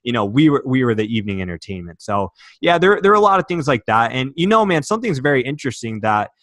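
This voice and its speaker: A man's voice: mid-range voice, big pitch swings, quick pace, fairly bright tone, dry recording, clean studio sound. A young man from Michigan, a podcast guest, telling his personal story earnestly and emotionally, with many fillers and restarts. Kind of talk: candid interview storytelling.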